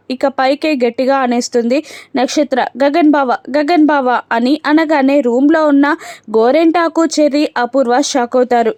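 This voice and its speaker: Give me a woman with a high, dry-sounding voice recapping a serial episode in a steady storytelling way. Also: dry recording. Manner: steady storytelling that reads out characters' lines. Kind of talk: retelling a TV serial episode with quoted dialogue.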